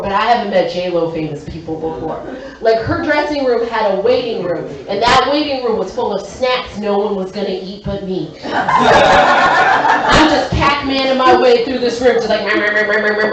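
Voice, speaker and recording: A woman performing a stand-up comedy set, brash and excitable, shouting her punchlines. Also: on the high side, muffled recording. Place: comedy stage in a hotel venue. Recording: echoey room, from a distance.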